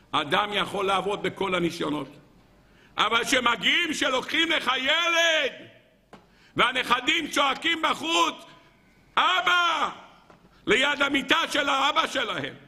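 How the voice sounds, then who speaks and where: High bright-voiced male rabbi preaching. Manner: dramatic storytelling, acting out the voices. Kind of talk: sermon.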